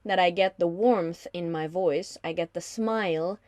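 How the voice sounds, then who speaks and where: A woman who works as a voice-over artist and coach, talking in a warm, reflective way in casual conversation. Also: on the low side, measured pace, dry recording. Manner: warm, reflective, laughs easily.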